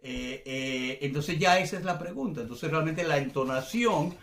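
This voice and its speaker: A man's voice: a little high, expressive, moderate pace, fairly bright tone, roomy sound. A man teaching a casual language class, chatty and full of fillers and restarts, acting out exaggerated examples.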